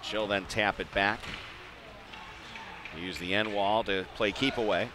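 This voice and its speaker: An American man calls live ice hockey play-by-play in short, clipped, conversational phrases. His voice sits on the low side with fairly even intonation and a slightly slow pace. It's a live arena broadcast with clear background noise.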